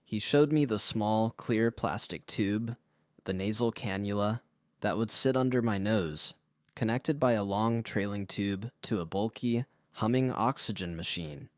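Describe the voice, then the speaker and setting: Somber low-voiced man narrating. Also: a little slow, no echo, studio quality. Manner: somber, confessional. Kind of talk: scripted first-person narration.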